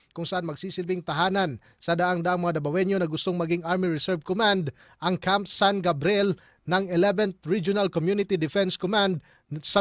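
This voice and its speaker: A man's voice: high voice, no echo, clean studio sound. A man with a Filipino accent narrating a scripted TV news report as a field reporter.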